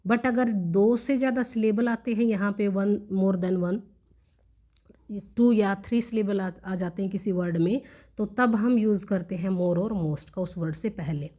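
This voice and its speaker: A woman leads an exam-prep grammar lesson at an unhurried, slow pace. Her voice is mellow and dark rather than bright. She reads each sample sentence out word by word and then explains it conversationally, checking in with her students. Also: mid-range voice. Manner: checks in with the class with questions like understood. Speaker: English grammar teacher.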